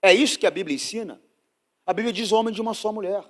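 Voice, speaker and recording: A man preaching a sermon as pastor, drawing out scripture and rising to loud, emphatic peaks. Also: sits high. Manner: preaching with sudden loud emphatic rises and drawn-out scripture reading.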